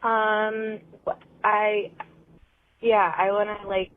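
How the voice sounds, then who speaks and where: Female caller, hungover and halting, mid-range voice, confessional ramble over a narrow phone line. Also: medium pitch, level tone, slight background noise. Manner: hungover, hesitant with long pauses. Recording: muffled phone-like voice message.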